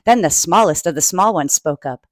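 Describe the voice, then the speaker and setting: A woman reading a picture book aloud to children in a playful, animated way, often asking her listeners questions. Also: fairly low pitch, normal speed, no echo, studio quality.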